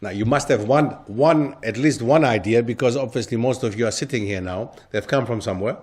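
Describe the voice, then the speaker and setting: A man's voice: medium pitch, fairly quick, darkish tone, slightly rough. A man giving an interactive lecture to a live audience, often stopping to put questions to the listeners. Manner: quizzes the audience with frequent questions. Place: lecture hall.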